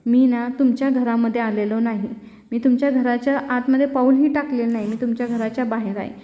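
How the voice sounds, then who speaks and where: A woman's voice: on the high side, fairly even intonation, a little fast, dark tone, dull audio, lightly acted. A woman voicing a proud, curt young mechanic. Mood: firm. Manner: firm, curt. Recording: echoey room with long reverb.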